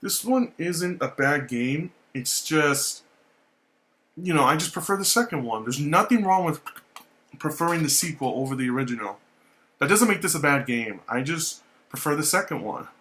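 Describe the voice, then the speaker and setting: A man's voice: fairly high pitch, normal speed, a little hiss or hum. Casual young man rambling on camera. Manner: relaxed, rambling, repeats himself, swears casually. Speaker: YouTuber showing his game collection. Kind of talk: casual vlog talk.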